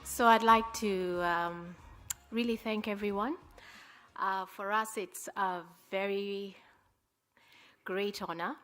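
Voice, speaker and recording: A woman giving an energetic acceptance speech, repeating phrases and rallying the audience. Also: mid-range voice, slow pace, long pauses, soft background music. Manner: energetic, repetitive, rallying the crowd.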